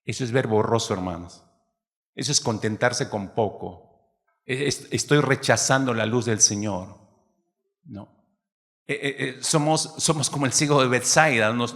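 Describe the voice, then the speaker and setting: A man preaching a sermon to his congregation, lively, acting out the voices of people in the story. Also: mid-range voice, measured pace, big-room sound. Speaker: pastor.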